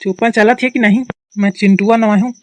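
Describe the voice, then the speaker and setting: A woman's voice: mid-range voice, fairly even intonation, a little fast, no echo, close to an everyday voice. Brief: woman playing a stubborn cartoon village man, dry close recording. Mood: arguing. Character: simple village husband Chintu, stubborn and dim.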